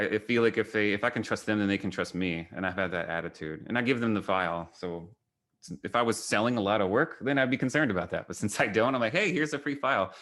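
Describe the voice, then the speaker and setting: Fairly low in pitch with a sharp tone, a Kentucky-born American artist and photographer speaks casually on a video call. In this informal online gallery talk, he answers questions in a rambling, story-filled way, often repeating what people said.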